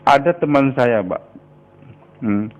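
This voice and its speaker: A man's voice: medium pitch, takes it slowly, poor audio. An older man giving a religious talk as a boarding school head, telling folksy stories and often prodding his listeners with a questioning "hmm?".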